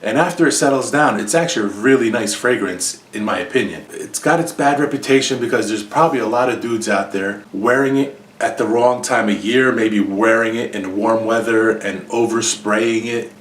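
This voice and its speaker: A man's voice: fairly low pitch, roomy sound, distant mic. A man hosting a casual review vlog, talking in a conversational, opinionated way and repeating points for emphasis. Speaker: fragrance reviewer. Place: home in New Jersey.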